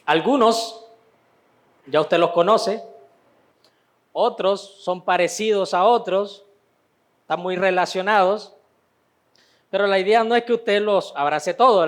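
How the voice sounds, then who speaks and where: A man teaching a church Bible class in a conversational way, repeating phrases for emphasis. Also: high voice.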